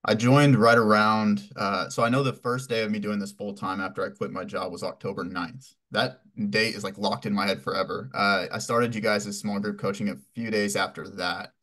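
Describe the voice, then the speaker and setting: Young guest from Texas, twenties, lowish voice, loose rambling storyteller full of ums. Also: male voice, steady tone, normal speed, few pauses, a bit bright. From Houston, Texas. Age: 20s. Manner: rambling, filler-heavy storytelling. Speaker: podcast guest. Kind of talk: casual interview answers.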